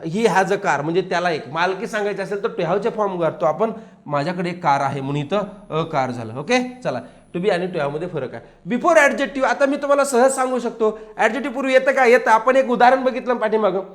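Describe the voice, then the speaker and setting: A man teaching English grammar in a lively classroom style, asking questions and answering them himself, slowing down to read example sentences. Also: high voice. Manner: lively, asks and answers his own questions.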